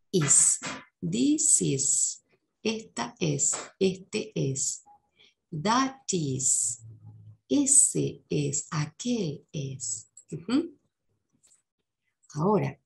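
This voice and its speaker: Unhurried woman teacher with gravelly voice. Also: medium pitch, a little mellow. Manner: patient, slows down to model English words. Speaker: English teacher. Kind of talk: lesson explaining English for Spanish speakers.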